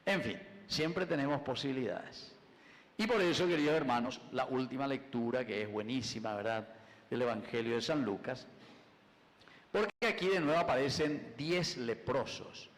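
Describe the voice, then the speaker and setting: A man preaching a sermon at Mass, moving between loud and soft and mixing in Guarani phrases. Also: mid-range voice, moderate pace. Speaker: priest. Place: church. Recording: long church reverb.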